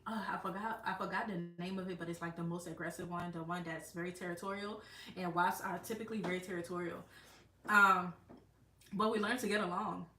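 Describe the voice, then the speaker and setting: A chatty woman hosts a gardening livestream, rambling through tips with frequent fillers and restarts. Her voice is bright and forceful, sitting fairly low for a woman. She sounds a bit distant from the mic in a roomy, echoing space. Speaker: gardening channel host. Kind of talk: casual live-stream chat.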